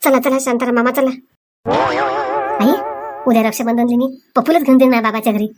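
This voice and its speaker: A woman plays her part in a village comedy sketch. Her voice is fairly high, and she talks in a brisk, scolding way, full of worry and instructions. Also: fairly even intonation, music in the background. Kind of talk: comic sketch acting.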